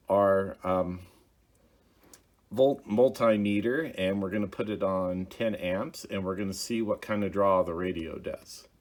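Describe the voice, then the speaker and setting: Speaking in a voice on the low side, a man walks through a casual hands-on demonstration for his hobby video. He comes across as plainspoken and methodical, often pausing as he goes.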